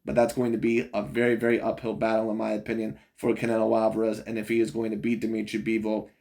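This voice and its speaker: A man's voice: fairly low pitch, completely flat delivery, quick pace, vocal fry, darkish tone. A man giving casual opinion commentary on boxing while reviewing a video, rambling and chuckling between points. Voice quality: rambling, repeats "overall" and "in my opinion", chuckles often.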